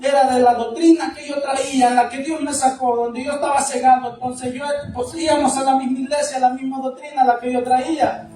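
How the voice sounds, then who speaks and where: A man preaching a testimony sermon as an evangelist, impassioned and repetitive, building up to shouts. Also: very high voice, little pitch movement, brisk. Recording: echoey far-off hall with music. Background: music.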